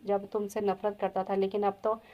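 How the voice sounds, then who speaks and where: A man's voice: sits high, completely flat delivery, moderate pace, muffled recording, soft background music, natural voice. A woman reading as a stern young husband. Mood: tender. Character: young man, stern then tender husband.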